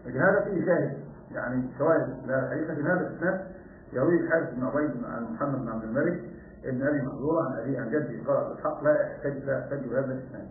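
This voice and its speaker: Male religious teacher, quick delivery, often clears throat, tinny phone-like recording from off-mic. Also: medium pitch, slight background noise. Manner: chants demonstration phrases slowly, drawn out; frequent throat clearing and fillers. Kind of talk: hadith lesson. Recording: echoey, distant, phone-like lo-fi audio.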